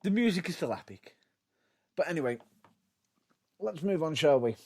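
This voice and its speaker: Animated man steering a podcast. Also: on the high side, moderate pace, slightly rough. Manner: laughs often, steers the talk. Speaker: podcast co-host. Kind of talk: casual chat.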